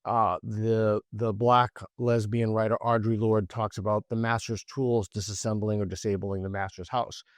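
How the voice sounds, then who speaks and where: A man's voice: fairly low pitch, flat delivery, moderate pace, hardly any pauses, no room sound, studio quality. A man talking as a guest author in an interview, earnest and argumentative, often restarting his sentences. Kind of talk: interview conversation.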